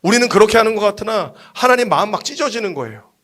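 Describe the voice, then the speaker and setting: A man's voice: high voice, expressive, fast talker, fairly bright tone. A man in his forties, a pastor preaching with passion and heavy emphasis, often repeating himself. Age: 40s. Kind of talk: sermon.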